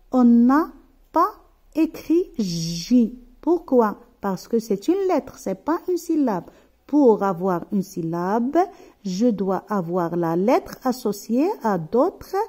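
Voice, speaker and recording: A woman teaching a slow, careful phonics lesson, sounding out syllables and stopping to check that her students follow. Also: mid-range voice, mellow.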